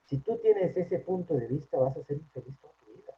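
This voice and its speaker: A man's voice: on the high side, expressive, fairly quick, breathy edge. Man, Peruvian Spanish accent, psychologist, informal lecture, chatty tag questions, phone-like sound. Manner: conversational, frequent tag questions. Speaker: psychologist giving a workplace talk. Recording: tinny phone-like line.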